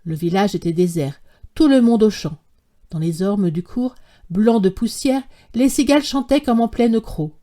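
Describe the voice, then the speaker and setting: A woman narrating a classic short story as an audiobook, in a measured, literary reading style. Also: mid-range voice, expressive, dark tone.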